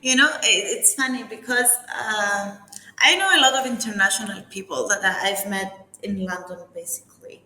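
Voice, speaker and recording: Bright-voiced woman from Cyprus in an echoey room. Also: medium pitch, a little fast, slight background noise. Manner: candid, chatty, with fillers. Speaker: architect guest. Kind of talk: casual interview conversation.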